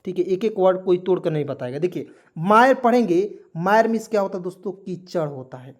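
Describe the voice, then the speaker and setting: A man's voice: high-pitched, lively intonation, a little fast. A man teaching English spelling in an online lesson, asking his listeners rhetorical questions and checking that they follow.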